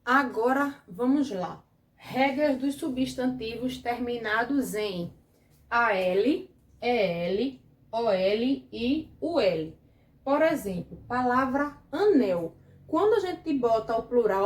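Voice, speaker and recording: A woman's voice: fairly high pitch, animated, reverberant. A Brazilian Portuguese woman teaching an online grammar lesson to children, patient and explaining step by step while she checks in with the class. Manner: patient, explains slowly, keeps asking the class "certo?". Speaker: primary school teacher.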